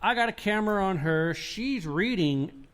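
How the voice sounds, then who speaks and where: A man's voice: high voice, moderate pace. A man, a paranormal investigator, telling his experiences in a casual podcast interview, rambling with restarts. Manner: rambling, restarts, animated retelling.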